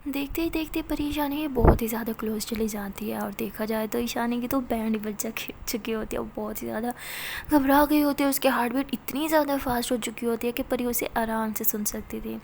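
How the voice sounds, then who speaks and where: A woman's voice: a little high, a little fast, gravelly, darkish tone, slight background noise. A woman narrating a love story in a plain, conversational way.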